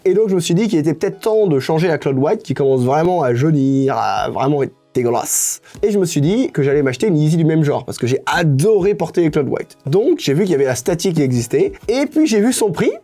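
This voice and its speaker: A man's voice: a little high, animated, brisk, hardly any pauses, dark tone. Chatty young man, faint music behind. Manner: enthusiastic, chatty, mixes English slang into French. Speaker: sneaker collector vlogger. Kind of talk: casual unscripted vlog.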